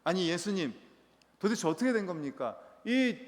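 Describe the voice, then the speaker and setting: A woman's voice: on the low side, big pitch swings, moderate pace. A male preacher voicing a narrow-minded church deaconess who complains indignantly. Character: narrow-minded, judgmental church deaconess, middle-aged woman. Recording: long church hall reverb.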